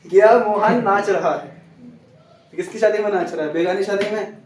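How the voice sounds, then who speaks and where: A man's voice: high voice, moderate pace, a little hiss or hum. A male English grammar teacher quizzing his class and repeating their answers back. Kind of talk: classroom teaching in call-and-response. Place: classroom with students. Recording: echoey classroom from far off.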